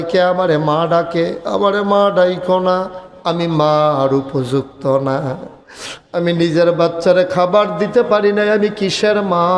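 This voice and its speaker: Bangladeshi preacher telling a story, echoey hall. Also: male voice. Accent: Bangladeshi Bengali. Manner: dramatic storytelling, breaks into high sung chanting. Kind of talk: Islamic sermon storytelling. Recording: echoey hall with long reverb.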